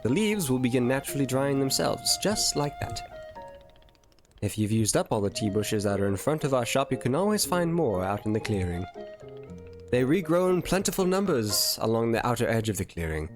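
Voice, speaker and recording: A man's voice: medium pitch, sing-song, normal speed, over music, lightly acted. A man voicing a posh, polite male tea shop keeper, reading game dialogue aloud with formal phrasing. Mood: instructive.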